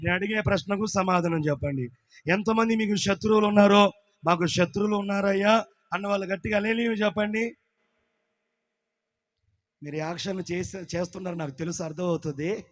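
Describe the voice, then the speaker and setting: Pastor guy with a really high voice, belts the big lines then goes quiet, has the crowd repeat after him. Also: brisk, pauses often. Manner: shouting peaks, then drops to quiet asides. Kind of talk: call-and-response sermon.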